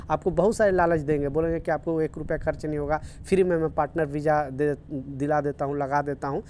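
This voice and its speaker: A man's voice: a little high, a little mellow, slight background noise. A man giving casual video news updates for workers in the Gulf, earnest and repetitive, urging viewers to take care. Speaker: news vlogger for workers in the UAE.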